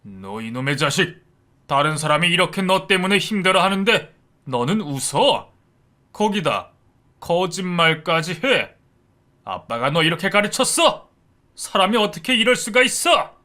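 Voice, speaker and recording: A man voicing an angry, strict father who shouts as he scolds his young son in a narrated story. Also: medium pitch, animated, a little slow, voice pushed up. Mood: furious.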